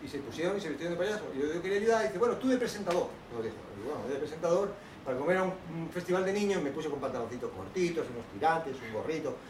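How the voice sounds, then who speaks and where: A man giving a lively workshop talk to an audience, acting out children's voices as he tells stories. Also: on the high side, fast, slight background noise. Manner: animated, acts out children's voices. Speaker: children's ministry teacher. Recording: echoey hall, from a distance.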